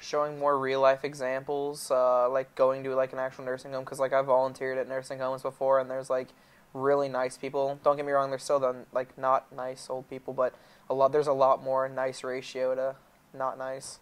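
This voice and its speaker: A man's voice: mid-range voice, moderate pace, smooth. A young man of eighteen, a college freshman answering interview questions casually and saying "like" often. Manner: flat, casual, with frequent "like".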